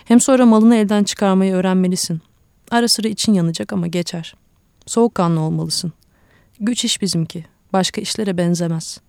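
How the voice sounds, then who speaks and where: A woman reader voicing a sick old grandfather who sells flowers, speaking in a weary, reflective, kindly way with a gravelly tone. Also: medium pitch, fairly quick, darkish tone, dry recording, studio quality, lightly acted.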